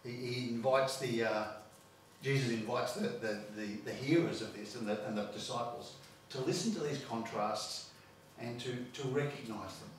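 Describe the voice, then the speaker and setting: Australian pastor preaching in a booming hall. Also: male voice, steady tone, moderate pace, slight background noise. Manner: emphatic, repeats words while building points. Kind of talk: sermon. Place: church. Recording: very echoey church hall, mic far off.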